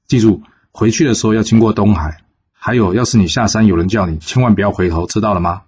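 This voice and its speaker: A man's voice: lowish voice, fast, a little mellow, husky, lo-fi sound. A man voicing an easygoing old male sage who gives breezy instructions, in a told folk story.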